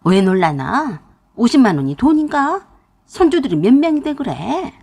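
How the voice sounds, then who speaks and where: Brief: woman playing a domineering middle-aged sister-in-law, husky voice, nagging in swinging tones. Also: a little high, big pitch swings, moderate pace, darkish tone, exaggerated voice. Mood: defensive.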